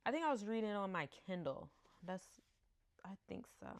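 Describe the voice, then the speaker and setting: A brisk, sing-song, mid-range voice comes from a US book vlogger in her thirties, chatting casually at home into a camera mic with slight background noise. She often laughs and fumbles names.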